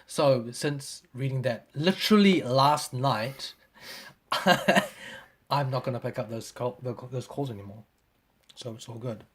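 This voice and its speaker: Husky kiwi dude on a podcast, super chill, swears a lot, trails off. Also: male voice, mid-range voice, measured pace. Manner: laid-back, swears freely, trails off. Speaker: podcast guest. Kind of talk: casual chat.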